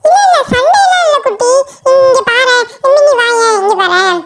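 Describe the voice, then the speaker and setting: A woman voicing a cheeky, cowardly young goat who pleads innocence in a high, sped-up cartoon voice. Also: normal speed. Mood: pleading. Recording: faint music underneath.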